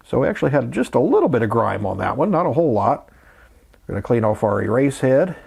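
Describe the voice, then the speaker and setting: This middle-aged man speaks fast in a mid-range voice that is gravelly, husky and a bit mellow, with large swings in pitch. Hosting a vintage electronics tutorial channel, he gives a casual, plain step-by-step explanation over background music.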